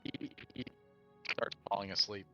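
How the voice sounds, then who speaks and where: A man's voice: lowish voice, measured pace, over music. A man narrating as game master over a headset, his voice choppy and breaking up on a bad voice chat connection. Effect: choppy, breaking-up voice chat audio. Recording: muffled, dropping-out online call.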